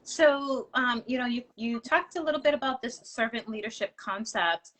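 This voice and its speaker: A woman's voice: on the high side, moderate pace, fairly bright tone, poor audio. A woman hosting an interview, enthusiastic and affirming, with many fillers like um and you know. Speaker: host. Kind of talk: interview conversation.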